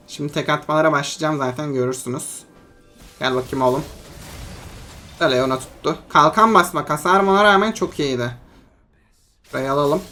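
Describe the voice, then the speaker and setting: A young adult mobile-game creator narrates a match in a chatty, friendly way, as if talking to friends. The voice sits at a medium pitch and jumps into excited yelps and shouts in tight moments. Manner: excitable, bursts into yelps and shouting in tense fights; chatty, addresses viewers as friends. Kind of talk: live gameplay commentary.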